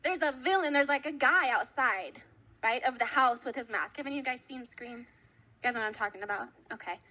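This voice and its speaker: A woman's voice: sits high, fairly quick, pushed and bright, poor audio. A young woman preaching a sermon in a church, chatting casually and then building into impassioned repeated lines. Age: young adult. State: out of breath.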